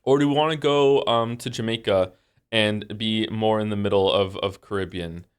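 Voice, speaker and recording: On a live stream, a game streamer of about forty chats casually in a congested voice, rambling with lots of fillers and restarts. He's low-key and a little self-mocking, keeping a steady tone and a moderate, smooth pace.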